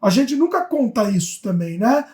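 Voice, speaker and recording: A woman from Brazil co-hosting a casual chat show, reading viewer comments aloud with lively asides. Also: on the high side, normal speed. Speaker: co-host. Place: home in Canada. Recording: roomy echo.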